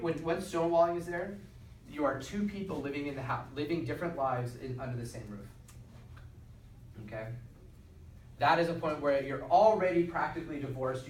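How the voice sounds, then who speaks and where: A man's voice: on the high side, brisk. A man lecturing a class, checking in with "okay?" and acting out quoted lines. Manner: repeats "okay?" and acts out quotes. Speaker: teacher. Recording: roomy, from far off, some noise.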